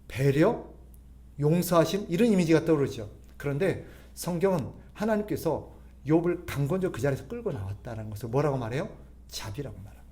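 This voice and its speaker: A man preaching a sermon as pastor, asking the congregation rhetorical questions and swinging between loud emphasis and soft drops. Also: a little high.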